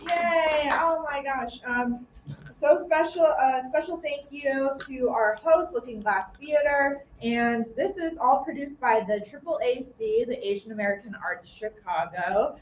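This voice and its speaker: Upbeat high-voiced woman emceeing a festival. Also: unhurried, slight background noise. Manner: upbeat, chatty, self-joking. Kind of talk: live event announcements. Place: theater stage at a live festival. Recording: echoey, muffled live room sound.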